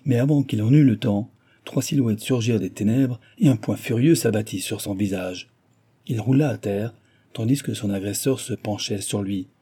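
A man narrating an audiobook with a dark, mellow, slightly husky voice. He reads in a measured, literary storytelling manner. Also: fairly low pitch. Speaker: audiobook reader. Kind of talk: scripted narration.

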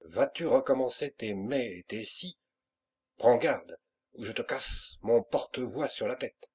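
A man's voice: lowish voice, measured pace, darkish tone, slightly rough. A man reading an audiobook, voicing a fierce, hot-tempered pirate captain who talks in brusque, commanding bursts. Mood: blustering.

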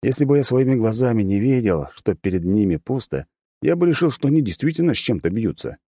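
A man narrating a fantasy audiobook in the first person, steady and measured. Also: medium pitch, no room sound.

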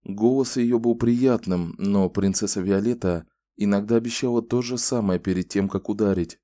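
A man calmly narrating a novel as an audiobook reader, close to the microphone. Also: lowish voice, normal speed, no room sound.

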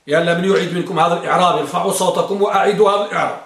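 A man's voice: high voice, very fast, fairly bright tone, echoey room. A man teaching a grammar lesson, quizzing his students with repeated questions and reciting in a sing-song lilt.

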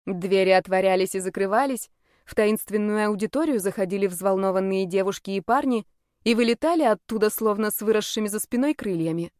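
A woman narrating a first-person fantasy novel in a lively, wry manner. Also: mid-range voice, no room sound, studio quality. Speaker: audiobook narrator.

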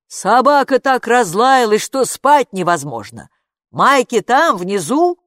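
A woman reading an audiobook, voicing a sleepy, puzzled father calling loudly and drowsily. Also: medium pitch, very animated, slow, no echo, studio quality, pitched above the performer's own voice. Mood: drowsy.

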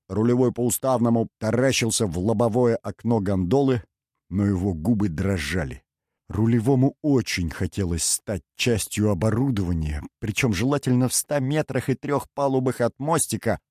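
A man narrating an audiobook in a measured, dramatic reading style. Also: fairly low pitch, dark tone, no room sound, clean studio sound. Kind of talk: scripted narration.

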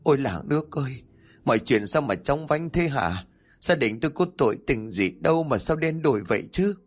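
A man's voice: medium pitch, lively intonation, moderate pace, slightly rough. A man reading aloud and voicing a scheming older mother-in-law who wails theatrically, in a storybook reading. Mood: wailing. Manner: wailing, theatrical lamenting.

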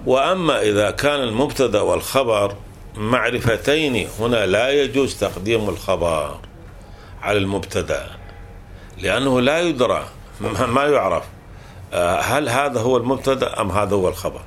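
A man's voice: on the low side, animated, fairly quick, fairly bright tone, slight background noise. A man teaching a classical grammar text, explaining patiently and restating each rule several times with small self-corrections.

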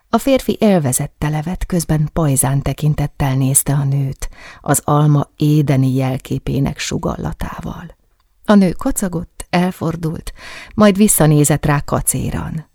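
An audiobook narrator reading a romantic short story in an unhurried, lightly playful way. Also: mid-range voice, gravelly, a little mellow, no room sound, studio quality.

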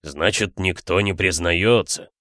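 A man voicing a stern, impatient aristocratic count with a gruff manner. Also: low-pitched, measured pace, a bit bright, no echo, studio quality.

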